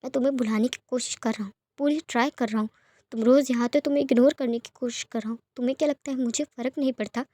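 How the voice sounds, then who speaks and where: A woman's voice: a little high, steady tone, racing, dark tone, close to an everyday voice. A woman voicing a stubborn, hot-tempered young man who argues and pleads, read out in a storybook narration. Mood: anguished. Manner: pleading and defiant inner monologue.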